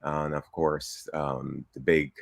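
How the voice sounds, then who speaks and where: Deep-voiced man candidate, dry sound. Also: flat delivery, takes it slowly, creaky, no echo. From Trinidad and Tobago. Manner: chatty, laughs easily, many ums. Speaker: political candidate guest. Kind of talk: talk show interview.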